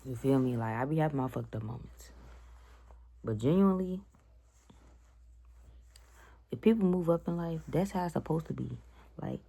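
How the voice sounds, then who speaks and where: A woman's voice: low voice, brisk, gravelly, warm tone, slightly rough. A young woman telling a story to her viewers in a blunt, slangy, profane rant. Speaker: vlogger. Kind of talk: casual storytime vlog.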